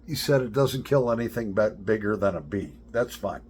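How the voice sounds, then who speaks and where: A man's voice: lowish voice, expressive, moderate pace, a little mellow, a little hiss or hum. A middle-aged man casually telling a funny story, folksy and profane, with laughter breaking in. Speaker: vlogger.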